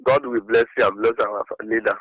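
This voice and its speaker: A man's voice: lowish voice, fairly even intonation, a little fast, fairly bright tone, rough recording. A man with an Igbo Nigerian accent giving hesitant commentary as a radio phone-in caller.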